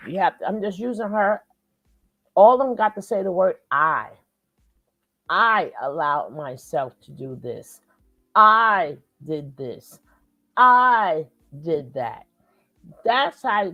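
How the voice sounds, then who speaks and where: A woman's voice: lowish voice, animated, slow, sharp tone, no echo, lo-fi sound, soft background music. A woman hosting a live reaction stream, talking emphatically and repeating her points like a lecture. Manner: emphatic, preachy, repeats phrases for effect. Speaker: commentary host.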